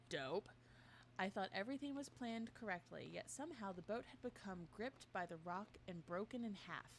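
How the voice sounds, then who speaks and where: A woman's voice: medium pitch, a bit bright, a little hiss or hum. Woman reading a game journal aloud. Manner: reads text aloud with mock-formal delivery, breaks into laughs and chat. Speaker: co-host playing a game.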